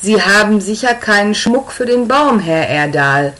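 A woman's voice: medium pitch, moderate pace, fairly bright tone, voice pushed up, natural voice. A woman voicing a prim, condescending older neighbor.

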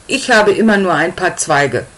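A woman voicing a frail old lady with a walker who speaks slowly and apologetically. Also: lowish voice, expressive. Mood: apologetic. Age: older. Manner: slow, regretful.

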